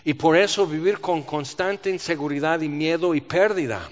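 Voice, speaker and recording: Preacher guy, pretty high voice, dull muffled recording, lots of rhetorical questions. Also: moderate pace. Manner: animated, rhetorical questions, acts out quoted voices. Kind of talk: sermon. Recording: dull sound with long reverb in a large hall.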